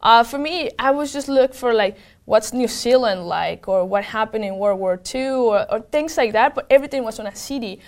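A woman's voice: on the high side, normal speed, hardly any pauses. A young woman from Venezuela, a native Spanish speaker working as a program manager, answering interview questions in casual chat with many fillers. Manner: upbeat, lots of fillers and restarts.

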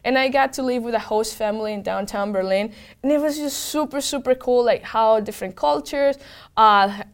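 A woman with a fairly high voice and a Venezuelan accent, a native Spanish speaker, answers interview questions at a moderate pace. She's a tech program manager appearing as a guest, and her replies are enthusiastic and informal.

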